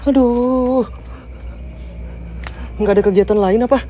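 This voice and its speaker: A man's voice: sits high, a little fast. Jumpy man exploring a building at night. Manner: jumpy, mutters prayers, slangy. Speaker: ghost-hunting vlogger. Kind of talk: casual ghost-hunting vlog. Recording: faint background noise.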